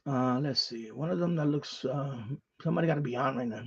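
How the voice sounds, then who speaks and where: A man hosting a casual amateur radio live stream, shifting between muttering to himself and louder call-outs. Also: medium pitch, a little fast, vocal fry, breathy edge. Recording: dull, lo-fi sound.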